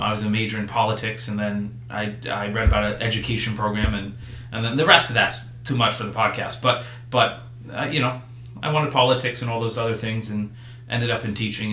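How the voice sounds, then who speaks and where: A man from Vermont with a bright, clear voice, speaking as a priest on a podcast. He talks in an earnest, reflective way, stumbling into restarts and repeated words. The room is echoey, with a faint hiss and hum behind him. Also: fairly low pitch. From northeastern Vermont. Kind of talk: casual conversational storytelling. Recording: roomy echo.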